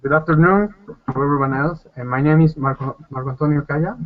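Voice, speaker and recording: A man's voice: a little high, quick pace. Young Bolivian man on a tinny call. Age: young adult. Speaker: young doctor, guest. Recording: tinny phone-like call audio.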